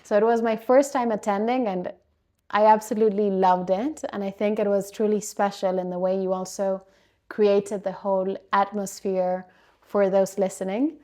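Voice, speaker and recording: A woman's voice: medium pitch, level tone, normal speed, dark tone. A woman from Argentina, hosting a podcast and asking friendly interview questions. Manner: friendly, with frequent "yes" replies. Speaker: podcast host.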